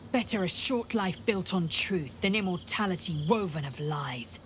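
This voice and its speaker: A woman's voice: sits low, slight background noise. An actress playing a proud, fierce githyanki warrior woman in a video game, speaking formally and with solemn intensity. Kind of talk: dramatic video game acting.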